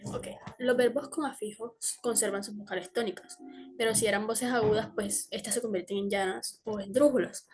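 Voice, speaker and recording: A woman's voice: medium pitch, fairly even intonation, moderate pace, a little mellow, soft background music. A young woman giving a class presentation, hesitant, with fillers and self-corrections. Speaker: student presenter.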